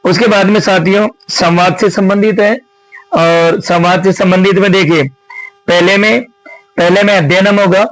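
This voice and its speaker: A man with a fairly high voice works through an exam answer key like a teacher at the board. He often asks a question and answers it himself, and keeps calling his viewers friends. The sound is dry and close, with no room around it. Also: steady tone, moderate pace, fairly bright tone, no echo, rough recording. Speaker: Sanskrit teacher.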